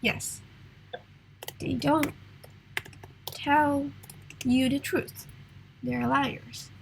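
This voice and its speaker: A woman's voice: high-pitched, fairly even intonation, drawn-out words, creaky, slight background noise, rough recording. A woman teaching an English class over a video call, patient and encouraging, talking with a sore throat. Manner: patient, encouraging, reads exercises aloud.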